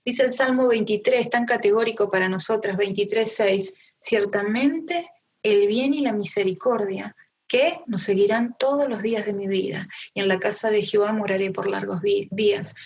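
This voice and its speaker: Over an online group call with dull, lo-fi sound, a middle-aged woman with an Argentine Spanish accent teaches the Bible devotionally to a group of women. Her voice sits at medium pitch and moves at a moderate pace. She is engaged and conversational, addressing listeners directly and using rhetorical questions.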